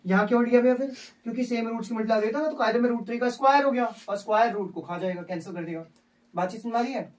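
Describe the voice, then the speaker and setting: Teaching maths live to a room of students, this man repeats steps and keeps asking the class questions. His voice is extremely high and he races along, recorded at a distance from the mic.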